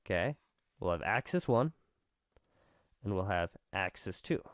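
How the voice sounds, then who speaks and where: A man with vocal fry, just over being sick, giving a casual, rambling explanation and often correcting himself. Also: low voice, animated, measured pace, no room sound, studio quality. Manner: rambling, self-correcting, self-deprecating. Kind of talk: casual, informal explanation at a drawn diagram.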